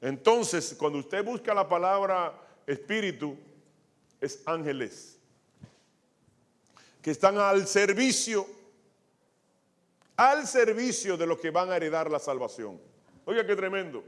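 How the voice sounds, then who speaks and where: Male pastor, sermon storytelling, fairly high voice, restarts often. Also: expressive, slow pace, long pauses. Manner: storytelling, acting out quotes, many restarts. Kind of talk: sermon with testimony.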